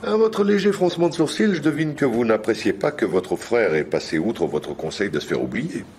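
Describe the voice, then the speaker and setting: A man's voice: medium pitch, expressive, brisk, a little mellow, close to an everyday voice. An actor dubbing a sardonic, mocking male doctor in a TV drama, with a sarcastic, needling delivery. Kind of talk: dubbed TV drama.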